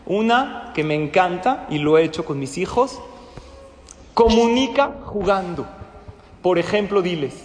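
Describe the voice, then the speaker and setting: A man giving a lively parenting lecture to a live class, acting out parents and children. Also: sits high, a little slow. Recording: echoey hall with faint noise.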